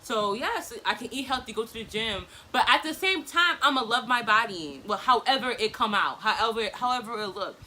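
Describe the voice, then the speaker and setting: A woman's voice: fairly high pitch, a little fast, hardly any pauses, pushed and bright. A woman, chatting casually and animatedly in slangy bursts while she does her makeup. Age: 20s. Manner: talking distractedly while applying makeup. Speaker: vlogger. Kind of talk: casual get-ready-with-me chit chat.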